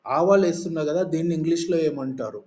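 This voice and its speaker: A man's voice: on the high side, fast talker, a little mellow. A man teaching in a casual lesson, explaining with lists and everyday examples. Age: adult. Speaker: English teacher.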